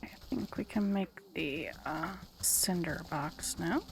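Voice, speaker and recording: A woman casually commenting as she plays a game, relaxed and musing to herself. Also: lowish voice, slow, slight background noise. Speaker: gamer.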